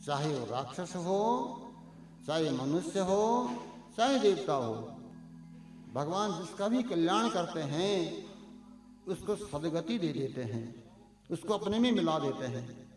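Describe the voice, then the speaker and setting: High-voiced male preacher in an echoey hall. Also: takes it slowly, pauses often, soft background music. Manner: lively, calls to the crowd, chants Sanskrit verses.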